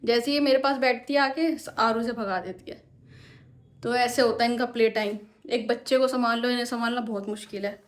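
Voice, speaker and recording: A woman's voice: fairly high pitch, fairly even intonation, brisk. A young woman vlogger at home, chatting at length about her pets and answering her own rhetorical questions. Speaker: vlogger and parrot owner. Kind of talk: casual explanatory vlog talk. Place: at home indoors.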